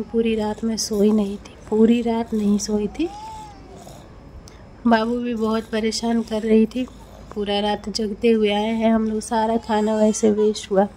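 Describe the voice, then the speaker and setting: Mother vlogger, flat mellow delivery, faint noise behind. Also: on the high side. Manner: emotional, repetitive. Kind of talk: casual travel vlog narration. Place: train journey and station.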